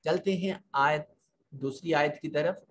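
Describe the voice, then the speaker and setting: A man with a Pakistani Urdu accent teaching a recorded Quran lesson, patiently explaining tajweed rules and slowly reciting verses. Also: on the high side, crowd noise.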